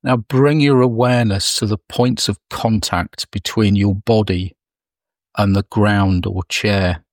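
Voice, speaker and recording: A man leading a guided meditation, speaking softly and soothingly with long pauses. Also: fairly low pitch, steady tone, dry recording, clean studio sound. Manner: slow, soft, soothing delivery with long pauses.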